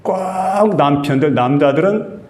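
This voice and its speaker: A pastor with a Gyeongsang Korean accent preaching a sermon in a church, telling stories and asking the congregation questions. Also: male voice, a little high, a little slow, a little mellow. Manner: storytelling with quoted voices, asks the congregation questions. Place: church sanctuary. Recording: echoey church room.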